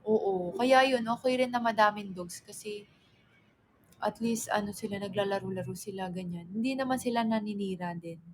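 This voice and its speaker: A woman's voice: medium pitch, moderate pace, slight background noise, low-quality recording. Chatty woman livestreaming. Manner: chatty, rambling, full of fillers and self-corrections; reads out viewer comments. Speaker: livestream host. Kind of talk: casual livestream storytelling.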